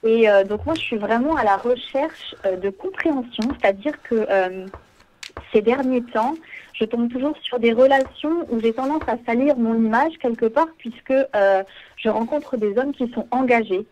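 A woman calling a radio show, confiding her problem hesitantly with many pauses. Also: on the high side, darkish tone, a little hiss or hum, rough recording. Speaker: caller. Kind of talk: phone-in call.

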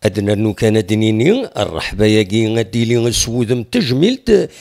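A man's voice: lowish voice, sing-song, fairly quick, creaky, a little mellow. A man narrating a regional news report as voice-over.

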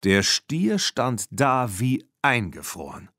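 Lively man reading a children's audiobook. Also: lowish voice, a little slow, no echo, clean studio sound. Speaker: audiobook narrator. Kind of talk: scripted narration.

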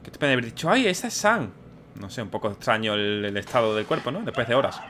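A man's voice: medium pitch, sing-song, quick pace, background noise. A man in his thirties giving chatty, wry casual gameplay commentary to viewers as a streamer. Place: small gaming room at home. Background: faint horror game sound.

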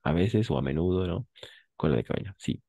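A man's voice: sits low, lively intonation, fairly quick, vocal fry, dark tone, no room sound. A man teaching a French lesson, patiently explaining and switching between French and Spanish. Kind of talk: online language lesson.

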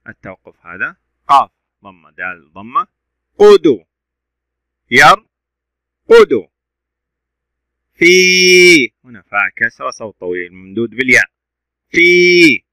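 A man's voice: mid-range voice, pushed and bright, no echo, low-quality recording. A male teacher giving a reading lesson to young pupils, sounding out syllables letter by letter and praising the children's answers.

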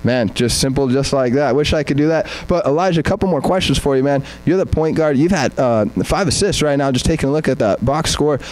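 A man's voice: on the high side, brisk, few pauses, darkish tone, low-quality recording. A young man hosting a postgame interview, asking long, upbeat, rambling questions into a handheld mic. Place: press backdrop indoors.

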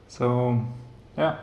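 A mid-range male voice, with the highs cut off in the recording, belongs to a Norwegian hobbyist maker in his thirties who has a Norwegian accent. In a casual tech demo he shows a hobby electronics build at home, soft-spoken and hesitant with plenty of filler sounds. The room is echoey, an indoor apartment living room and kitchen.

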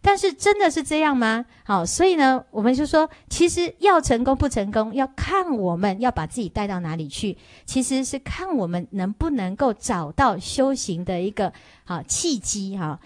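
A woman with a slightly high voice and lively intonation speaks at normal speed, with no room sound. She is a Buddhist nun teaching a sutra, delivering a sermon as a story, tagging her phrases with frequent "hao" and "ha" and putting questions to her listeners.

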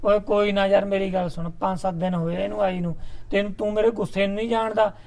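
A man's voice: high voice, level tone, fast, creaky. A man with a Punjabi accent acting in a village drama, coaxing and placating a brother.

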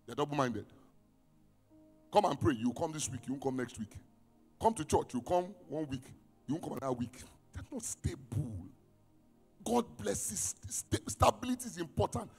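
A man preaching a sermon as pastor, reading scripture and quizzing his congregation, swinging from shouts down to near-whispers. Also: a little high, sing-song, moderate pace, husky. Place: church hall. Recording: reverberant church hall with music.

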